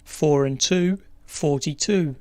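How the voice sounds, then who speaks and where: A bingo caller announcing numbers in measured, formulaic set phrases. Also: mid-range voice, warm tone, no room sound, studio quality.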